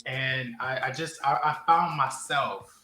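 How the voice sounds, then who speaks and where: A man's voice: medium pitch, measured pace, bright, forceful tone, reverberant, soft background music. A man from Buffalo, New York, chatting as a podcast guest in a bubbly, emotional way. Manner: bubbly, emotional, laughing often. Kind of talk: casual chat.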